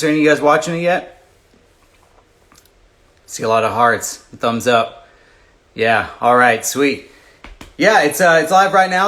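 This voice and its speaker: Upbeat man hosting a livestream. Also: fairly high pitch. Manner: energetic, loose, jokey, lots of fillers. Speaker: livestream interviewer host. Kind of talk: casual upbeat livestream chat.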